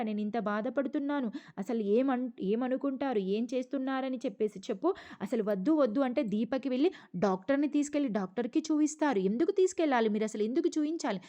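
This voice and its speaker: A woman voicing an angry, jealous young woman from a TV serial who complains in shrill, accusing bursts. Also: mellow, natural voice.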